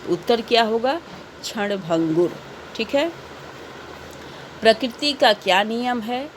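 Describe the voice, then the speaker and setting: Slow, patient woman teacher. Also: a little high, slight background noise. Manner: slow, patient, explains and repeats answers. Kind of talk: recorded class lesson for children.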